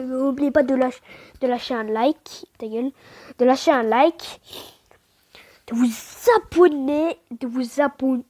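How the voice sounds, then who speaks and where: Excitable stammering woman gamer. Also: a little high. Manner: stammers, restarts words; excitable outbursts, slangy. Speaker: gaming channel host. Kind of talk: casual gameplay commentary.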